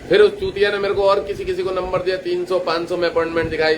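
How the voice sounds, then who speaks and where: A man with a high voice gives a casual astrology lecture. He brags and swears freely, and he tells his stories with lively scorn. A faint noise sits under his voice. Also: quick pace, poor audio. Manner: boastful, crude and swearing, telling anecdotes. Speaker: astrologer and teacher. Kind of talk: casual lecture-style monologue.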